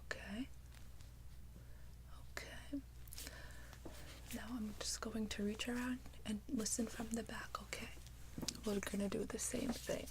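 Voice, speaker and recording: A woman doing a whispered role-play as a caring nurse, with a gentle, reassuring bedside manner. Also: on the high side, fairly even intonation, a little slow, pauses often, background noise. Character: caring, attentive female nurse. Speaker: ASMR performer playing a nurse.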